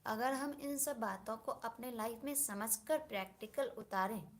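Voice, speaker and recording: A woman's voice: a little high, unhurried. A woman giving a devotional discourse, reasoning earnestly and asking her listeners rhetorical questions. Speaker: spiritual speaker.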